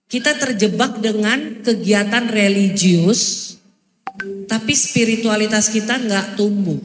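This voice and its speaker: A middle-aged woman preaching a personal testimony in a church hall, speaking in an earnest, confessional, animated way. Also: mid-range voice, slight background noise. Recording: echoey long hall reverb.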